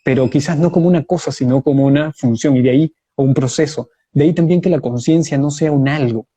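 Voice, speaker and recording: A man with a fairly high, warm voice that carries a breathy edge speaks as a guest in a live online debate held over video call. He lays out his view in a measured, explanatory way, step by step, using examples.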